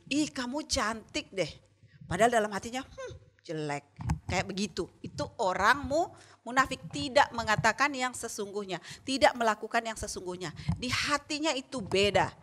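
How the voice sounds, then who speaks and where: A woman with a high, clear, bright voice leads a children's Bible lesson. She tells stories with lively energy and keeps turning to her young listeners with questions. Her delivery is animated and friendly. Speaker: Sunday school teacher.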